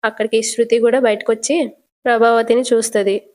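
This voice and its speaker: A woman casually retelling a TV serial episode in a quick, chatty way. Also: a little high, flat delivery, a little mellow. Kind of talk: casual story recap.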